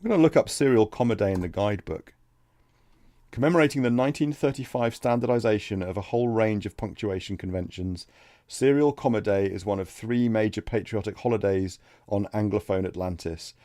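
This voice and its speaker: A man streaming a text adventure, reading the game text aloud and thinking out loud between passages. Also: lowish voice, fairly quick, no echo, studio quality. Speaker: let's play streamer.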